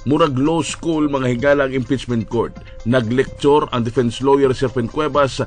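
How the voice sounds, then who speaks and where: A man with a Cebuano accent giving wry broadcast news commentary, often addressing listeners as friends. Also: mid-range voice.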